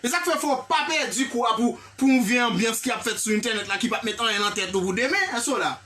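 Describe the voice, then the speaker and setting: An English teacher with a Haitian accent giving a live online lesson, animated and repetitive, often checking in with the class and praising viewers by name. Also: medium pitch, moderate pace, far from the mic, soft background music. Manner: animated, repetitive, checks in with "hein?" and "vous comprenez?".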